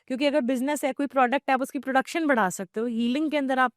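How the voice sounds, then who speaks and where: A woman's voice: high-pitched, fairly even intonation, quick pace, no room sound, clean studio sound. A woman podcast guest, an Akashic record reader, explaining her practice at length and mixing English phrases into her talk.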